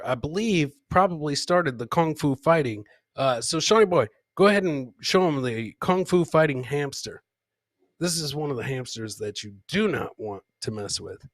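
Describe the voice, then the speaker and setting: With no room sound, a man with a fairly bright voice on the high side riffs through jokey live commentary for his comedy podcast. He reads chat comments aloud in a casual, comic live-stream style and often repeats phrases for effect.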